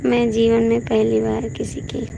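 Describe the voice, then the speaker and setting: A hoarse woman, chatting on a live stream and coaxing viewers again and again. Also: on the high side, monotone, a little slow, muffled recording, noisy background. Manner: pleading, coaxing, repeats requests. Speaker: folk singer hosting a live stream. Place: indoors at night with the power out.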